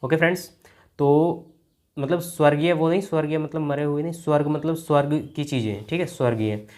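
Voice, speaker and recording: A man teaching an exam-prep vocabulary lesson, explaining each word in turn and softly repeating the key words, often calling his viewers friends. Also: on the high side, fairly quick.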